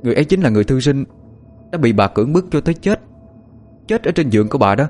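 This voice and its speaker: A man voicing a calm, cunning young man who speaks coldly and with authority. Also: mid-range voice, fast, faint music behind, pitched above the performer's own voice, natural voice. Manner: calm, cold, commanding.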